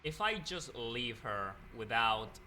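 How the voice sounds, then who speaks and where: Bright-voiced man thinking aloud while gaming. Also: medium pitch, sing-song, slow pace, a little hiss or hum. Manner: casual, hesitant, thinking aloud, laughs. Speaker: let's play gamer. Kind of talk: thinking aloud over gameplay.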